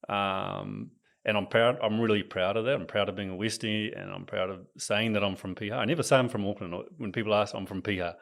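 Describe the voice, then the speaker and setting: A man's voice: lowish voice, fairly quick, gravelly. A man with a New Zealand accent, a coach chatting as a podcast guest in an easygoing, enthusiastic way. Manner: relaxed, enthusiastic about nature. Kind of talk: casual interview chat.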